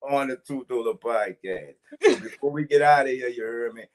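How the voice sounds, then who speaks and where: A podcast host with a New Orleans accent chats casually, joking and laughing often. His mid-range voice moves at a moderate pace, with a little hiss or hum on the recording.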